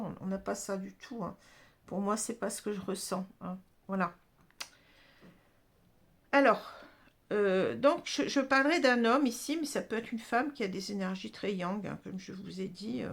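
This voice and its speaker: A woman giving an unscripted card reading to viewers in a gentle, reassuring way, with many hesitations and fillers. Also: mid-range voice, gravelly. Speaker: astrology tarot reader.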